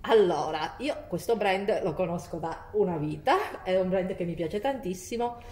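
A woman's voice: lowish voice, lively intonation, moderate pace, a little mellow. A woman, hosting a casual interview. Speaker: interviewer and host. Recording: echoey room, faint background noise.

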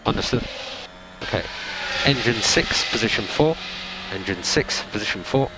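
A man's low voice comes through race car team radio as he guides a driver. He gives calm, clipped instructions and repeats each one. Loud engine noise runs under every word. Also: normal speed.

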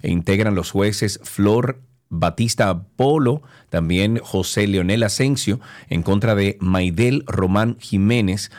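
A man's voice: lowish voice, slow pace. A man hosting a radio show, reading news and taking calls with small stumbles. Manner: reads news with hesitations, chats warmly with callers. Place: radio studio.

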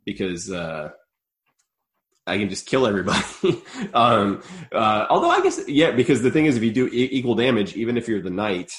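A man's voice: on the low side, wildly swooping pitch, normal speed. A man hosting a casual podcast chat, rambling and laughing often, swearing casually. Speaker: podcast host.

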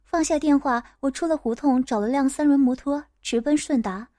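Woman reading a story out loud, high voice but mellow, dry close sound. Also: normal speed, dry recording. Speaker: audiobook narrator. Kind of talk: first-person story narration.

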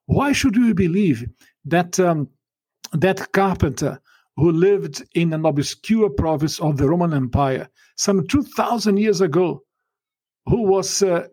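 Here the Brazilian guest's voice comes across as fairly high but darkish and husky, with no room sound, carrying a Brazilian Portuguese accent. Interviewed on a podcast, he preaches emphatically and fervently, frequently starting his sentences over.

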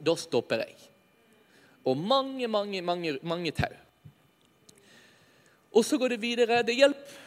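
A man giving a personal faith testimony as a lively storyteller who often laughs at himself. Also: on the high side. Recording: long hall reverb.

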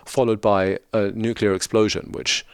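Speaking earnestly on a reflective podcast, a middle-aged spiritual mentor of Lebanese background who grew up in London keeps restarting his sentences while staying thoughtful. His voice is on the low side, clean and level, at normal speed, recorded dry.

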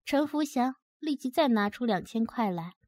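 A woman reading a story aloud in a measured narrating voice, switching into characters' voices for dialogue. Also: on the high side, expressive, a little mellow, dry recording, studio quality.

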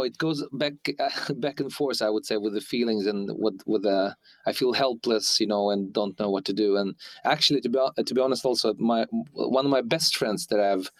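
A man in his forties, raised in Ukraine and now living in Sweden, speaking as an interview guest. He talks in a halting way, full of restarts and fillers. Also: mid-range voice, no room sound. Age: 40s. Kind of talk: hesitant conversational interview.

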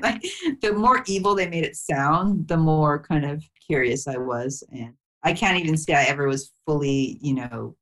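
A woman with a voice that sits low guests on a casual chat as a memoir author, having grown up mostly in Thailand. She's reflective and soft-spoken, leaning on "you know" and laughing lightly.

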